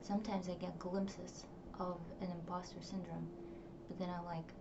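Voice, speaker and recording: At a normal pace and in a flat, lowish voice, a young woman whose mother tongue is Russian records a rambling, introspective diary vlog, sprinkled with fillers. The audio is distant, dull and noisy, made at home.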